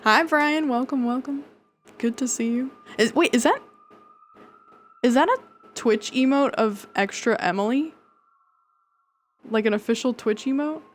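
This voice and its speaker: Higher-voiced woman streaming casually over game music. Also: unhurried, long pauses. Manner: joking, casual swearing, prone to giggling. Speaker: video game live streamer reading chat. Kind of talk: casual live-stream chat over gameplay.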